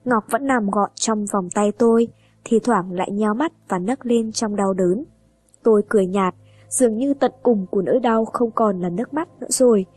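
A woman narrating an audiobook in the first person, with brisk, emotional delivery. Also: mid-range voice, darkish tone, husky, no room sound.

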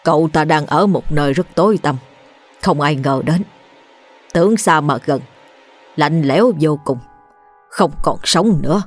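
A woman voicing an old male village shaman who speaks in slow, solemn pronouncements. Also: low-pitched, soft background music. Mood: grave, ominous.

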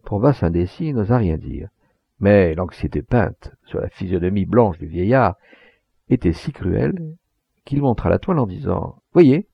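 A man narrating a literary audiobook, expressive, with occasional hesitations. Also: deep voice, normal speed, gravelly, husky, dry recording. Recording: dull lo-fi recording.

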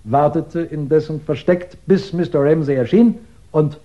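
The performer portrays a courteous police investigator in a 1960s German radio crime drama, laying out his case with measured, insistent explanation and an assured, methodical mood. His pitch is fairly high and mellow, his voice natural, and the recording muffled.

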